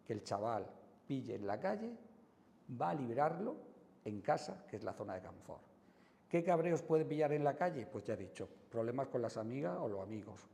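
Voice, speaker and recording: A man with a Spain Spanish accent giving expressive educational advice to parents as a psychologist, swinging between loud and soft as he acts out examples. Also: medium pitch, creaky, in a large hall. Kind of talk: educational talk to camera.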